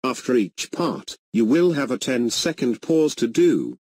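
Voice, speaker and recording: A man reading scripted exam instructions in a formal, measured announcer's manner. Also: mid-range voice, big pitch swings, a little mellow, no echo.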